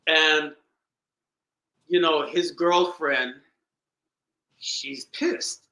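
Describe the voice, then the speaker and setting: A man with a high, bright voice talks casually and tells stories with lively energy. He acts out the people in his story. The recording has a roomy echo. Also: extremely slow. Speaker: podcast co-host. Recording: echoey room.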